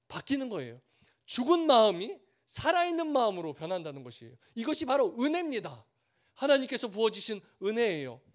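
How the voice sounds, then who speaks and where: A Korean man preaching as a missionary, his voice set high for a man. He speaks earnestly, builds through repeated phrases, and slips into the voices of the villagers in his stories. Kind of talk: sermon with storytelling.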